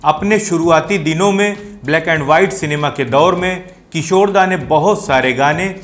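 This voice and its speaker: The man hosting a film music show explains things to his audience over background music. His voice is on the high side and a bit bright, delivered at normal speed.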